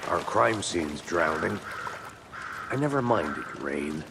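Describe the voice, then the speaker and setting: A weary middle-aged detective in a video game, with a very deep, gravelly voice. He is dry, gruff and laconic, heard over clear outdoor ambient noise. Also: expressive, slow pace, exaggerated voice. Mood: pensive, dry.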